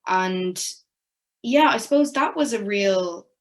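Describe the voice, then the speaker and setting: Here the same young actress from Ireland chats casually as an interview guest, her Irish-accented voice at a medium pitch, animated yet slow. She keeps hesitating, filling pauses and starting over often.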